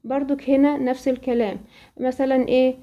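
A woman with an Egyptian accent teaching a Quran recitation lesson, asking questions and then answering them, and slowly reciting the examples. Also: high voice, flat delivery, mellow. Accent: Egyptian Arabic. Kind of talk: tajweed lesson.

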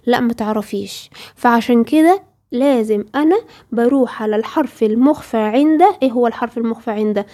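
A woman's voice: a little high, quick pace, dark tone. A woman with an Egyptian Arabic accent teaching tajweed, explaining patiently and asking her female student rhetorical questions. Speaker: Quran recitation teacher. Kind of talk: tajweed lesson.

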